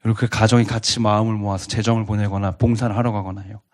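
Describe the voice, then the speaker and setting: A man's voice: on the low side, little pitch movement, fast talker. A man pastor preaching a sermon to a college congregation, earnestly asking them repeated questions.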